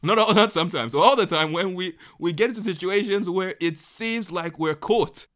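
A man preaching a sermon as a story, animated, laughing often and breaking into shouts. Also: sits high, moderate pace.

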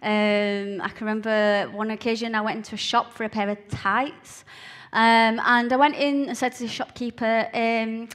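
A woman with a broad Glaswegian Scottish accent, telling a personal story to listeners in an earnest, halting way, repeating phrases for emphasis. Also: a little high, fairly even intonation, fairly bright tone. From Glasgow, Scotland. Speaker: speaker giving a testimony. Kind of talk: personal testimony told to listeners.

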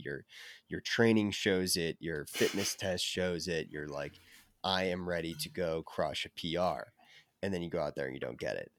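Hoarse young male runner guest; very low, dry, reflective and earnest. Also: dry recording. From United States. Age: young adult. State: hoarse and sick with covid. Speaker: podcast guest, endurance runner. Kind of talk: casual interview chat.

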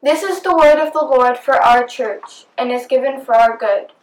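High-voiced woman reader, slow measured scripture reading, echoey distant mic.

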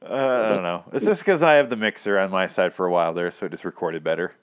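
A man with a deep, bassy voice co-hosting a casual podcast in a breezy, jokey, conversational way. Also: fast. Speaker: podcast co-host.

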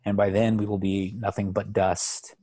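Halting young man, dry close sound. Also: fairly low pitch, little pitch movement, dark tone, no echo. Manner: halting, repeats words as he talks. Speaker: guest. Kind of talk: casual podcast chat.

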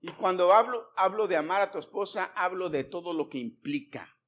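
A man's voice: sits high, moderate pace, a bit bright. A middle-aged man preaching a sermon to a congregation, emphatic, repeating his points and putting questions to the listeners. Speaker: pastor. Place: church before a congregation.

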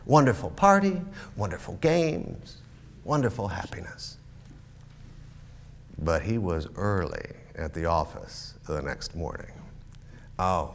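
A man reads a classic tale aloud in a low voice that moves a great deal in pitch. His storytelling is animated and expressive, with a dramatic sense of pacing. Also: slight background noise.

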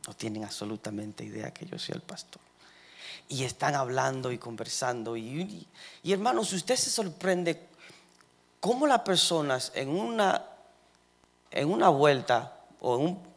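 A man's voice: fairly high pitch, lively intonation, a little slow, vocal fry. A young man preaching as pastor of his congregation, telling everyday stories with many fillers and building emphasis. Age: young adult. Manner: conversational storytelling, many fillers and rising emphasis. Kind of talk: sermon.

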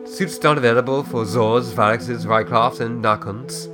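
A man playing a sarcastic, grumpy newcomer on a spaceship, with a deadpan delivery. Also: medium pitch, moderate pace, over music, natural voice. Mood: ad read. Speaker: improv comedy performer. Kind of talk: improvised comedy podcast.

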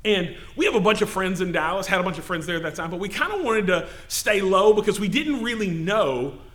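A middle-aged male pastor preaching an animated sermon, drawing the audience into call-and-response with playful asides. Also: high voice, fairly quick. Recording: echoey room.

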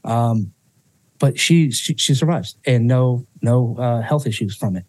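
As a podcast guest, a man with a mid-range, mellow, relaxed voice speaks at a measured pace in a dry, close-sounding room with no echo. He tells a personal story with raw emotion, swearing freely and often restarting his sentences.

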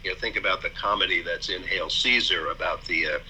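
A man with a low voice and a very bright, forceful tone, talking as a guest in an interview. He speaks in a measured, hesitant way, full of pauses and fillers. A faint hiss sits under the recording. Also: low-quality recording. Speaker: author and college president, guest. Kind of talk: thoughtful interview talk.

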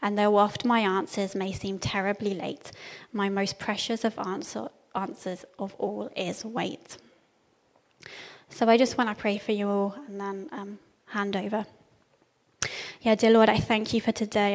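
A woman speaks to a church in a calm and gentle way, earnest and devotional. Her intonation stays fairly even, and a long hall reverb trails behind her words. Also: medium pitch. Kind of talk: reciting a devotional poem and praying aloud. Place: large church room.

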